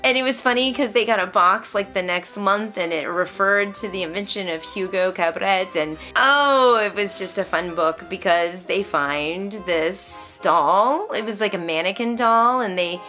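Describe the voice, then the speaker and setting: Soft music plays in the background as a vlogger and homeschooling mother, likely in her thirties or forties, reviews things to camera from a small furnished room at home. Her mid-range voice is a little slow with few pauses, and she's animated and chatty, frequently breaking off her own sentences.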